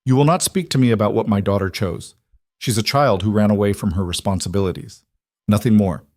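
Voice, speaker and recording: Cold disdainful tycoon father, sixty, voiced by a male narrator, low and dry. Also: fairly quick, darkish tone, dry recording, natural voice. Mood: scornful. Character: cold wealthy Italian-born father, about sixty. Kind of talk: audiobook character voice.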